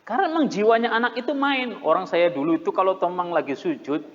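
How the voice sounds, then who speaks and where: Man, middle-aged, animated sermon storyteller; muffled lo-fi mosque recording. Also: high-pitched, fast talker. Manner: animated storytelling with laughs, mimics shouting. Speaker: preacher. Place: mosque hall. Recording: muffled reverberant hall recording.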